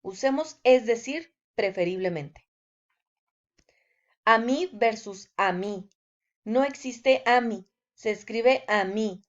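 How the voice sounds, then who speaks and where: Female teacher, measured scripted lesson delivery, slow pace, slightly muffled recording. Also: fairly high pitch. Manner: slow, deliberate delivery with example sentences. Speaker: language teacher.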